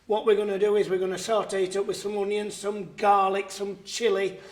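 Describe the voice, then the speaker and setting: A man's voice: high-pitched, flat delivery, fairly quick. A man chef giving a chatty cooking demonstration in a kitchen, walking through each step and repeating what he is going to do. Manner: chatty, repetitive "what we're gonna do". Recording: roomy kitchen with frying sounds.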